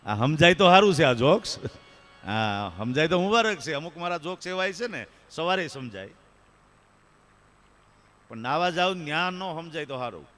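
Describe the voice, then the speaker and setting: This Kathiawadi man's voice is slightly high and a bit bright, animated, at a moderate pace with frequent pauses. A stand-up comedian with a Kathiawadi Gujarati accent, he spins chatty comic tales live on stage, often calling his listeners sir, in a folk storytelling style.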